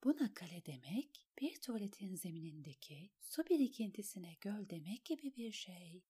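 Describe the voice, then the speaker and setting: A woman's voice: medium pitch, very animated, moderate pace, mellow, breathy edge. A woman voicing an anxious, polite young noblewoman in an audiobook, whispering the girl's inner thoughts. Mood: whispered thoughts.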